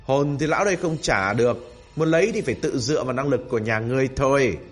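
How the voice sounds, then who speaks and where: A man voicing an arrogant old male river god who talks down with haughty, mocking command. His voice is slightly husky. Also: mid-range voice, fast talker, faint music behind, close to an everyday voice.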